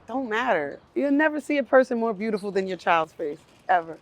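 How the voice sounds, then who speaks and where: A woman's voice: mid-range voice, lively intonation, a little fast. A middle-aged woman talking openly and emotionally as an interview guest, chatting on a porch outdoors. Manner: emotional, talkative, laughs often. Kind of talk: casual outdoor conversation.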